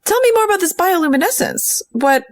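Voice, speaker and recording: A woman's voice: very high-pitched, very animated, brisk, dry recording. A woman playing a tabletop game, asking curious questions. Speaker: player. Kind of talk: casual tabletop game play.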